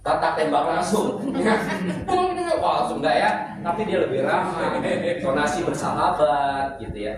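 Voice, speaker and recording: A man's voice: a little high, big pitch swings, a little slow, over a noisy crowd. A middle-aged man teaching at a church seminar, playful and joking with the congregation. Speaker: preacher. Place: church hall. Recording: echoey hall, speaker far from mic, noisy.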